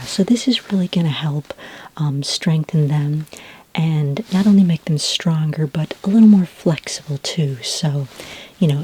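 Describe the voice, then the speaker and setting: In an ASMR roleplay, a woman plays a kind alien skin care consultant, speaking in a breathy near-whisper that is gentle, unhurried, and reassuring. Her voice sits low, and the low-quality recording carries slight background noise.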